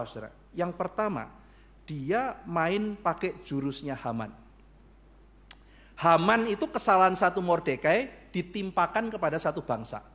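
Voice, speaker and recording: A man's voice: high voice, a bit bright. A man pastor preaching a sermon, acting out dialogue in shifting voices.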